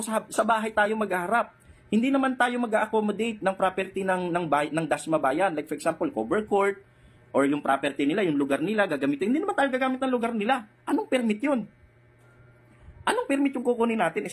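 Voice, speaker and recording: A man's voice: high-pitched, husky. A man giving mocking, confrontational commentary while reading a rival's chat replies aloud, often repeating his jabs. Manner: taunting, confrontational, repeats himself. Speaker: online religious debate commentator.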